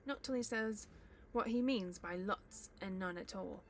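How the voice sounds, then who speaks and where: A woman voicing a suspicious, quarrelsome male troll who speaks loudly in rough working-class speech. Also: mid-range voice, unhurried, slight background noise, lightly acted.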